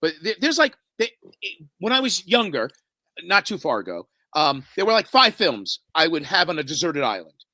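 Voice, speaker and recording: Lively, higher-voiced male panel guest. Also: normal speed, dry recording. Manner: hesitant, restarts sentences. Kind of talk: casual panel chat.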